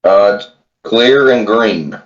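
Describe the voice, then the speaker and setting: Joining a podcast by remote call, an American kayak angler who fishes tournaments talks in an easygoing, straightforward way. He speaks slowly in a lowish, expressive voice, and the recording is muffled.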